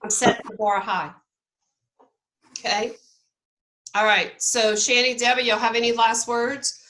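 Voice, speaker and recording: A woman's voice: fairly high pitch, steady tone, measured pace, bright, forceful tone, poor audio. A woman leading a team meeting on a video call, upbeat and coaching, checking in with her listeners often. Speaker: network marketing team leader.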